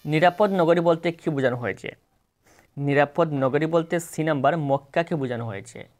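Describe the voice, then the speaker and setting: A man with a Bangladeshi Bengali accent, working as an exam tutor, reads multiple-choice questions and answers aloud in a plain, steady way, correcting himself now and then. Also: on the high side, moderate pace.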